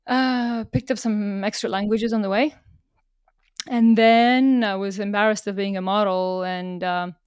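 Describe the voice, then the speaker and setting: A woman's voice: medium pitch, steady tone, unhurried, darkish tone, smooth, no echo, clean studio sound. A woman from Estonia, a podcast guest telling stories in casual talk and laughing often.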